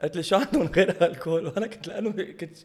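A man's voice: high-pitched, rapid-fire. A man with a Lebanese Arabic accent chatting casually with a friend, slipping English phrases into his speech. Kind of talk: casual bantering chat with a friend.

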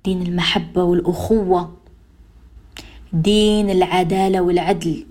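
A woman's voice: on the low side, fairly even intonation, normal speed, a little mellow. A woman radio host with an Algerian Arabic accent giving an emphatic, repetitive, admonishing advice monologue. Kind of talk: advice monologue on social behavior.

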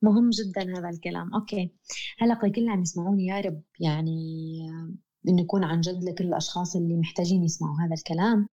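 A woman's voice: on the low side, fairly even intonation, racing, warm tone, muffled recording. A woman with a Levantine Arabic accent speaking as an interview guest, explaining reflectively in an earnest, emphatic way and repeating key phrases.

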